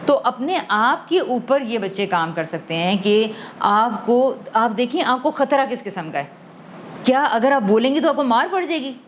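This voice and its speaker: A fairly high-pitched, animated woman speaks over slight background noise. She is an adult parent and podcast guest discussing emotional wellbeing, explaining in a thoughtful conversational style, mixing in English vocabulary and frequently beginning sentences anew.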